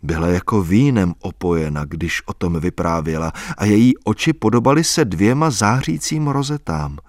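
Man reading a novel in a measured voice. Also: low-pitched, expressive. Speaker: audiobook narrator. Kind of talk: scripted literary narration.

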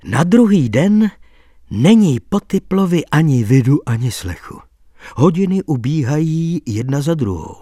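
A man reading an audiobook voices a lively male court clerk who relishes telling a scandalous tale. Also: fairly high pitch, no echo, studio quality, pitched above the performer's own voice.

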